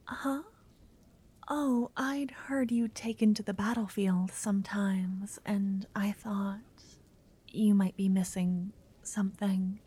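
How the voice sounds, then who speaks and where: A woman's voice: medium pitch, steady tone, takes it slowly, breathy edge. A woman voicing a shy, nervous young noblewoman in a whispered roleplay, stammering now and then. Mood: nervous whispering. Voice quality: soft whisper. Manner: hesitant, stammering.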